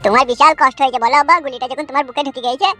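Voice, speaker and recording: A woman's voice: sits high, steady tone, very fast, sharp tone, faint music behind, voice pushed down. A woman voicing a hot-headed young man who swears and vows revenge, in a comedy cartoon. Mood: worried. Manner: fierce, swearing threats.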